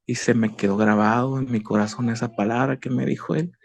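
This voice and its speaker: A man's voice: mid-range voice, fairly even intonation, a little fast, gravelly. A man giving an emotional personal faith testimony, earnest and repetitive, calling the listener brother. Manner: earnest, repeats himself, addresses the listener as brother.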